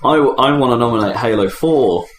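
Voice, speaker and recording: Talking a little fast in a mid-range voice, this man hosts a laid-back gaming podcast, wandering from point to point and sharing his opinions freely. His recording comes from an echoey room with a faint hum of background noise.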